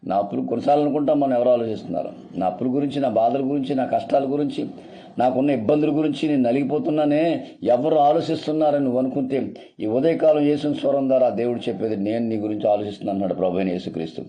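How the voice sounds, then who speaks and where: A man's voice: mid-range voice, fast, mellow. A male pastor preaching a sermon earnestly, repeating phrases and calling his listeners beloved.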